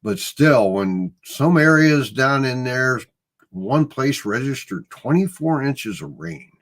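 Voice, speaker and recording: A middle-aged man with a Midwestern American accent hosts a casual live chat, telling stories in an easygoing, rambling way and chuckling often. His mid-range voice is very animated but slow.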